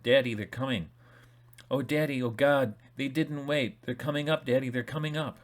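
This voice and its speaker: A man's voice: mid-range voice, fairly even intonation, normal speed, voice pushed up, natural voice. A man reading aloud from a memoir, voicing a frightened ten-year-old boy who is crying and pleading on the phone. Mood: panicked.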